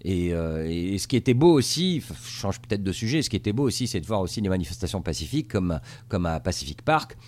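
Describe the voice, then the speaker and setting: In a low, sing-song voice with a darkish tone, he talks fast and barely pauses. He's a middle-aged Tunisian TV journalist based in the US, responding to an interview in a loose, hesitant manner full of fillers and restarts.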